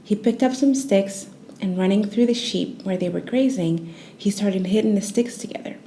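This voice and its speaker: A woman narrates a children's bedtime story soothingly and with gentle expression. Her mellow, relaxed voice sits at an average pitch and moves at a moderate pace, with faint noise behind her.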